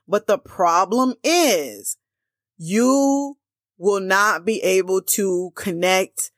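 A woman's voice: medium pitch, very slow, dry recording, studio quality. A woman dating coach giving blunt, emphatic advice straight to her viewers, peppered with casual slang and lots of "like" fillers. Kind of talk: direct-to-camera coaching talk.

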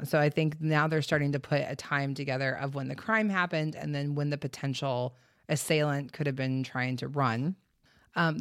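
A woman's voice: deep voice, dry recording, studio quality. A woman hosting a casual true-crime podcast, reading case details and stumbling now and then over place names. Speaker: podcast host.

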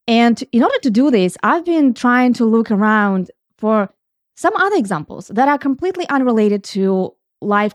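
Her mid-range voice comes through in studio quality, free of any room sound. She's a middle-aged Ukrainian podcast host working alone on a reflective show, earnest and explanatory, musing out loud and starting over mid-thought.

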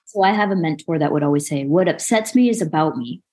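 Low, a little mellow, and expressive, this woman's voice moves at a quick clip. She's a forty-year-old mindset coach being interviewed, talking candidly in a casual chat.

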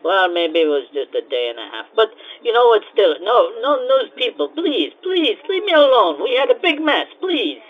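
A high, flustered cocoa-house owner, as a man acts him out rants in broken grammar and circles back to the same complaints. The voice sits well above a typical man's register. The recording sounds muffled and lo-fi, as if from a home setup. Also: big pitch swings, moderate pace. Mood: pleading. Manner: exasperated, repeats himself, broken grammar. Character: flustered male cocoa-house owner, frantic, put-upon.

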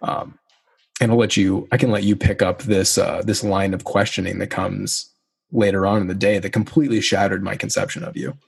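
A man in casual podcast conversation, relaxed and teasing, with many fillers. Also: low-pitched, fairly quick, gravelly, breathy edge. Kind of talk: casual chat.

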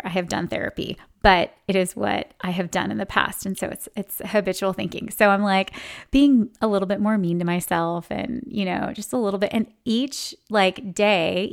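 A middle-aged woman hosts a podcast in a gravelly, medium-pitched voice, speaking candidly in a casual, reflective way. She's chatty and fills her talk with lots of "like" and "you know."

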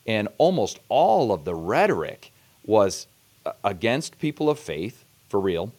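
A man's voice: lowish voice, big pitch swings, a little slow, a little mellow. A man hosting a podcast interview, talking in a reflective, conversational way before asking his guest a question. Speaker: podcast host.

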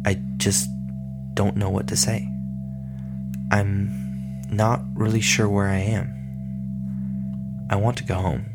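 A man voicing a shy, frightened, lost young boy who speaks haltingly and quietly in a storybook reading. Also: on the low side, little pitch movement, gravelly, loud music behind the voice. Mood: timid.

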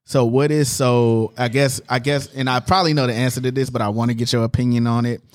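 A man with a St. Louis accent speaks in a medium-pitched voice with a very dry, close sound. He talks casually and ramblingly, working through his point with slang and frequent swearing, as a host would in a debate among friends. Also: little pitch movement, quick pace, no room sound. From St. Louis, United States.

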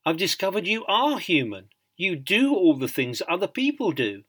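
A man voicing a tiny young male officer cadet who talks in a high, startled, stammering way. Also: big pitch swings, normal speed, a bit bright, breathy edge, heavily acted. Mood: earnest.

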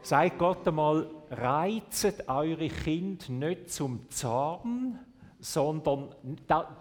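A male pastor preaching a family sermon, telling a story with lively swings and dropping to a soft hush for tender words, and putting questions to the congregation. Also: mid-range voice. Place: church. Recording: long church reverb.

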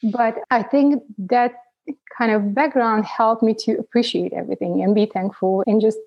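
A woman's voice: fairly high pitch, steady tone, moderate pace, vocal fry, highs cut off. A middle-aged woman from Romania, a physician guest talking casually with frequent restarts. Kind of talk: casual interview talk.

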